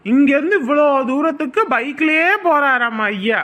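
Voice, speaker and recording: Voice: high-pitched, fairly bright tone. A performer playing a jealous, complaining young man who bickers with his brother and mother in a family comedy sketch. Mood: grumbling. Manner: whiny, bickering, quick to blame.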